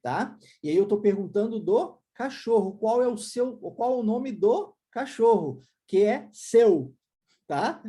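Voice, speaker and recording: Brazilian woman teacher, mellow warm tone, explains patiently and keeps checking the learner follows. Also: a little high, animated, slow. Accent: Brazilian Portuguese. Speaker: English teacher. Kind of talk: online English lesson in Portuguese.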